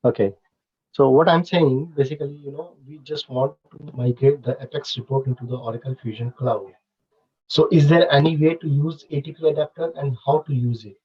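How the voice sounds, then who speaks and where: A man's voice: on the high side, fairly even intonation, fairly quick, breathy edge, dry recording, lo-fi sound. A man asking a question in an online class, hesitant and often saying "you know". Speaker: student.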